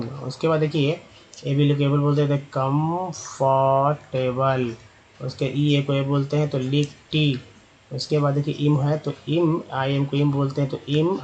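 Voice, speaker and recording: A man's voice: medium pitch, darkish tone, muffled recording. A man teaching an online lesson, spelling out letters and sounding out English words as he talks to viewers as friends. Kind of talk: explaining a lesson.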